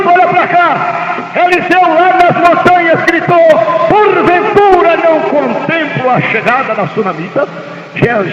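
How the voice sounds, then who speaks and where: A man with a very high voice preaches a dramatic sermon, rising into shouts at the climaxes. The old lo-fi recording is noisy and carries a long echo from a big hall. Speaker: pastor.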